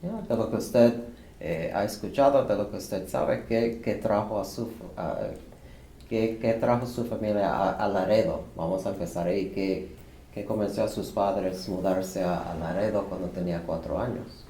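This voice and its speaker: A man interviewing someone, asking halting, searching questions. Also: fairly low pitch, dark tone. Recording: roomy room with faint noise.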